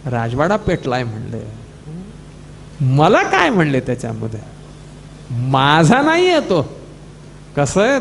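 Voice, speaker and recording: A man with a Marathi accent gives a devotional discourse with a bright, high voice. He tells an old parable, acting out each character's lines in lively quoted dialogue. His words ring with the long echo of a large hall. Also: slight background noise. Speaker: scripture discourse speaker.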